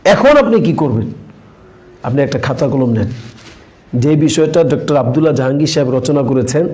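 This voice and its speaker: A man's voice: medium pitch, expressive, normal speed, mellow, rough recording. A man teaching a public speaking class, who repeats his points with emphasis and poses questions he then answers himself. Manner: emphatic and repetitive, asks questions and answers them; acts out sample recitations in a grand oratorical tone. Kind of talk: classroom lecture.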